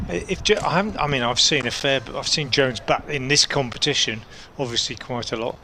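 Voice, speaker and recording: A man gives live cricket commentary in a bright, clear-cut tone. He describes play in measured phrases, pausing mid-sentence. Faint outdoor ground noise sits behind his voice. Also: medium pitch.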